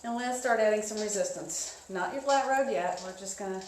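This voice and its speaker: A woman's voice: mid-range voice, fairly quick. A woman leading an indoor cycling class, giving encouraging coaching cues and guided instruction. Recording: echoey room with faint noise.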